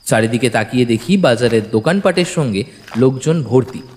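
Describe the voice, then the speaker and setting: Over a music bed with long reverb, a man with an expressive mid-range voice briskly narrates a detective audio story in the first person, keeping it suspenseful and dramatic.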